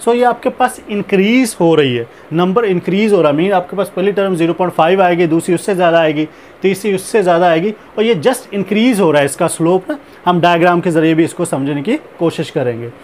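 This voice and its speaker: A man with a high-pitched voice gives a recorded math lecture, working through each step slowly and deliberately. He slips English math terms into his explanation and keeps coming back to the same filler phrases. A faint hiss sits under the recording. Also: darkish tone. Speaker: math teacher.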